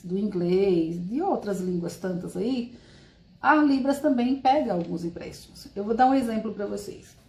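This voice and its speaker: A woman's voice: medium pitch, a little mellow, roomy sound. A woman from Brazil teaching a live-streamed language class, explaining patiently and checking in with tag questions.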